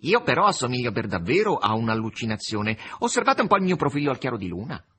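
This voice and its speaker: A man's voice: medium pitch, very animated, fast, a bit bright, slightly rough. A man voicing a cheeky, chatty talking cat in a raised, theatrical way. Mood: showy.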